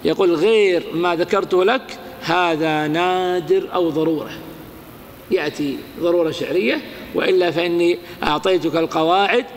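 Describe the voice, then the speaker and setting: A man with a notably high voice teaches a grammar lesson, quizzing his listeners and chanting verse slowly. His voice rings out with a long reverb, as if recorded in a large hall. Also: slight background noise. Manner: explains with rhetorical questions, recites verse slowly.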